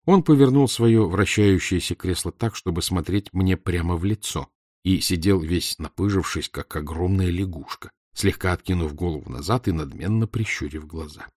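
A man narrating an audiobook in a measured, steady reading. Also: low voice, slightly rough, dry recording, studio quality.

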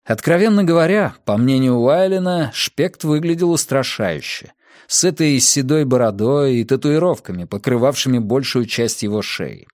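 Man, audiobook narrator, measured even reading, dry close recording. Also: mid-range voice, dry recording. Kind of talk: scripted narration.

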